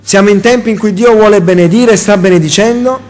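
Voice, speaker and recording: A man's voice: sits high, quick pace, darkish tone. An Italian man preaching a sermon in a church hall, in short impassioned phrases that rise as he goes. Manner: impassioned, rising preaching cadence.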